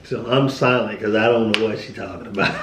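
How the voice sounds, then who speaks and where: A man's voice: lowish voice, a little fast. A man co-hosting a casual chat with teasing, opinionated, dry interjections. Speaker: husband and co-host. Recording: echoey room with faint noise.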